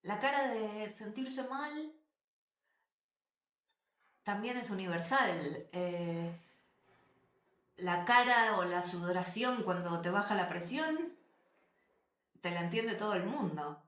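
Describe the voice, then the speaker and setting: A woman, telling travel stories to camera as a vlogger, animated and emphatic, repeating phrases and addressing viewers directly. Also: mid-range voice, slow, long pauses. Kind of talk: casual storytelling to camera. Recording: roomy echo.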